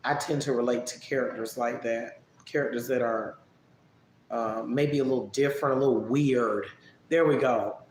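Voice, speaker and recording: In an echoey room with faint background noise, a medium-pitched man answers viewer questions on a casual live stream. The vlogger is relaxed and chatty, giving drawn-out, musing answers.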